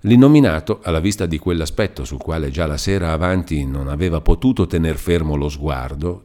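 A man reading a classic novel aloud as an audiobook narrator, measured and expressive. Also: rumbling low.

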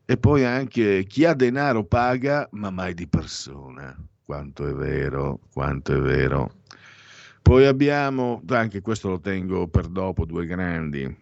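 Male host, very low voice, digressive commentator with lots of self-corrections, dull lo-fi dry sound. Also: expressive, takes it slowly, creaky, darkish tone, no echo. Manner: ironic asides. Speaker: radio or podcast host reading daily anniversaries. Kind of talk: casual spoken commentary with opinions.

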